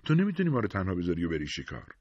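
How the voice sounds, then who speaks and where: Upset insistent young wife, man voicing her, higher husky voice, dull dry recording. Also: huge pitch swings, a little mellow, no room sound, heavily acted. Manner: pleading, insistent. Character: anxious upset young wife with a sick baby.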